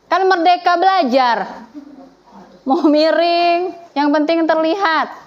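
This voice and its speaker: A woman teacher speaks high in her range and keeps her students engaged with playful prodding and quick questions. She sounds like she is leading a lively lesson. The recording is muffled and lo-fi. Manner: playful, teasing, coaxing students. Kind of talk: classroom teaching.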